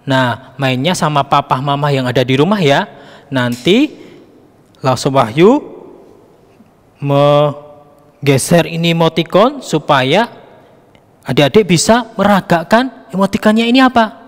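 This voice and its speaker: A man's voice: fairly high pitch, animated, measured pace, long pauses, long reverb tail. A man leading a children's Sunday school Bible lesson, coaxing and addressing the kids directly.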